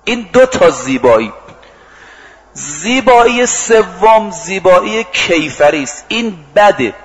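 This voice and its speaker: A man giving a sermon, telling stories vividly, acting out the quoted dialogue, and slowly chanting scripture and verse. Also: high-pitched, poor audio. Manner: lively storytelling that acts out quoted exchanges and chants scripture and verse. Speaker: preacher. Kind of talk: storytelling sermon.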